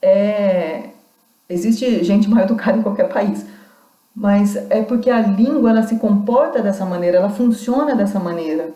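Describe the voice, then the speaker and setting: A woman lecturer talks through a recorded class with a warm, mellow voice. She explains carefully and often restarts her sentences. The room around her sounds echoey. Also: medium pitch, moderate pace. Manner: explanatory, reads out quoted accounts, many restarts. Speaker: university lecturer.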